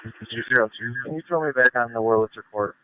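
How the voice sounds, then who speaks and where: A man's voice: medium pitch, fast. A man, a field unit responder, speaking in clipped dispatch talk over a crackly narrow two-way radio transmission. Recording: tinny noisy radio scanner feed.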